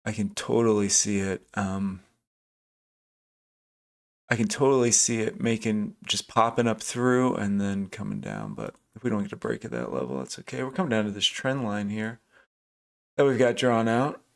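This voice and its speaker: A livestream day trader with a low, gravelly, animated voice chats at normal speed while commenting casually on his live trading. He thinks aloud, restarts sentences, answers viewers and reads out their chat names.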